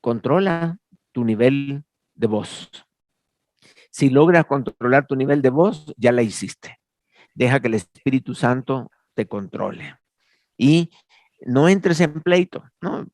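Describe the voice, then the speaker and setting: Creaky-voiced man teaching a Bible class. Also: mid-range voice, expressive, slow pace, long pauses, darkish tone, dry recording. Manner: earnest, repeats key phrases, quotes scripture. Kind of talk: class lecture.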